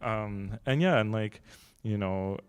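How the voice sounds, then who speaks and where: A young gallery artistic director with a low, smooth voice gives casual welcoming remarks into a handheld mic while seated at a long table in a gallery room. His delivery is halting, full of "um"s, fillers and restarts, with some light joking.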